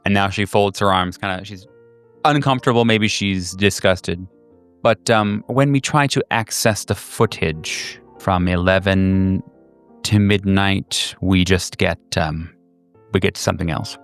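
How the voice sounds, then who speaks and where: A man voicing an uneasy, guarded woman who talks haltingly. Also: sits low, faint music behind. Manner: hesitant, halting speech. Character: uneasy middle-aged woman staff member, guarded.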